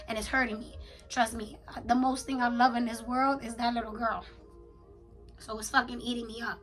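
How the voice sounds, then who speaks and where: A woman's voice: fairly high pitch, bright, forceful tone. Raw, unfiltered woman over music. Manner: raw, unfiltered, swearing street-slang talk. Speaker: vlogger, spiritual journaler. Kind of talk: candid confessional vlog talk.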